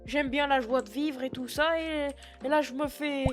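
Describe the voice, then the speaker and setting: A man putting on a high-voiced old patois granny. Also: steady tone, normal speed, over music. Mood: rambling. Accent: put-on Picard and Norman patois mix. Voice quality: sniffly, rambling, swears a lot. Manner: chatty, flustered, self-mocking asides to chat. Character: 60-year-old foul-mouthed female shop clerk, scatterbrained. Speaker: streamer doing roleplay. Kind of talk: live-streamed game roleplay. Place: at home at a computer.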